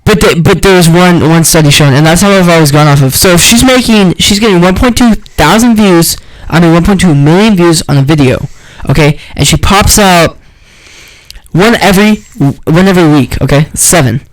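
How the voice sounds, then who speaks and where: A man's voice: sits high, moderate pace, rough recording. Chatty young-sounding man rambling casually. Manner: rambling, filler-heavy, slangy. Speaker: podcast co-host. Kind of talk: casual chat.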